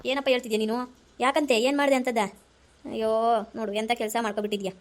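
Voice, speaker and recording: A woman's voice: fairly high pitch, steady tone, fast, natural voice. An actress playing a worried older mother, scolding yet tender as she consoles her grown son in a family drama. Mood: consoling. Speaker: mother-in-law of the wife. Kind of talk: amateur family drama skit.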